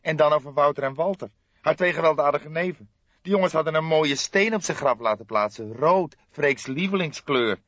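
Narrator voicing a sarcastic young sidekick detective, high and sneering, muffled recording. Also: male voice, moderate pace, a bit bright, no room sound.

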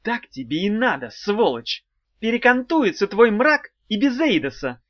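A cold, cutting witch with a voice pitched a little higher and a curt, menacing edge, as a male narrator puts her on. The recording is dry and a bit dull. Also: huge pitch swings, normal speed, no room sound, exaggerated voice. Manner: curt and cutting, hissing whisper when threatening. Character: sharp-tongued, cold, menacing woman witch.

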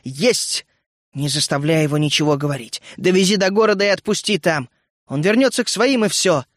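A man voicing a stubborn young woman fighter in a read-aloud story, speaking quietly but hard-edged. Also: a little high, fairly quick, no echo, clean studio sound, natural voice. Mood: firm.

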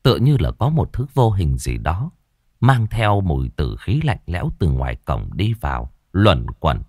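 Male horror narrator, low voice, animated delivery, dry close mic. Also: moderate pace, no echo. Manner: dramatic, expressive. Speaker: storyteller.

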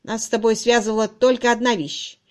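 A woman's voice: fairly high pitch, level tone, a little fast, natural voice. A woman reading a cruel, sneering young male farmhand in an audiobook, harsh and mocking.

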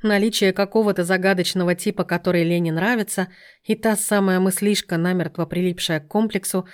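A woman's voice: lowish voice, brisk. Woman reading an audiobook expressively. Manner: expressive, acts out dialogue. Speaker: audiobook narrator.

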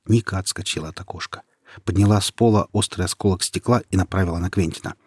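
Low, husky male audiobook narrator. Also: fast talker, darkish tone, no echo, studio quality. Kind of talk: scripted narration.

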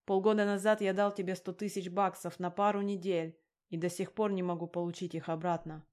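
A woman's voice: fairly low pitch, little pitch movement, fairly quick, a little mellow, lightly acted. A woman reading a sneering gangster man. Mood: cold threatening. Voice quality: mocking, threatening. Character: menacing male gangster lender, cold and crude. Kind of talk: audiobook character reading.

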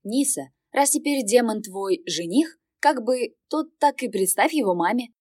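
A woman's voice: fairly high pitch, animated, measured pace, darkish tone, dry recording, studio quality, voice pushed up. A woman voicing a cheeky, sarcastic male talking dog with snarky quips in a storybook reading.

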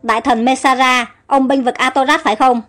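Rich: A young king snaps cold, curt orders and vows revenge, as a woman reads his lines. The voice stays high, with soft music faint in the background. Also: steady tone, fairly quick.

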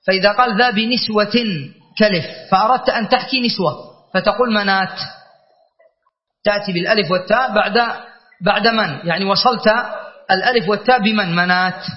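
A man teaching a classical grammar lesson, reciting verse lines slowly and then explaining them with frequent checking questions. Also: sits high. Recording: dull lo-fi recording.

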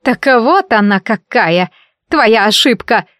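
A woman voicing a haughty older noblewoman, mother of an emperor, who hisses venomous, shrill reproaches in an audiobook. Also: moderate pace, no room sound, clean studio sound, natural voice. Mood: scornful.

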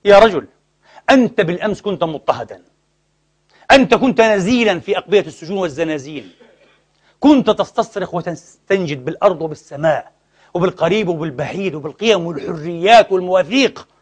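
A man's voice: high voice, animated, fast talker, husky. A man preaching a sermon, impassioned and indignant, who asks rhetorical questions and lets the congregation finish his sentences. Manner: impassioned, indignant, mixes formal and colloquial speech. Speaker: preacher and lecturer.

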